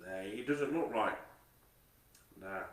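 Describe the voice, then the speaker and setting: Far from the mic in a reverberant space, a male vlogger from England talks slowly in a lowish voice. He has a Nottingham accent and rambles on camera, swearing nonstop, repeating himself and stumbling over his words.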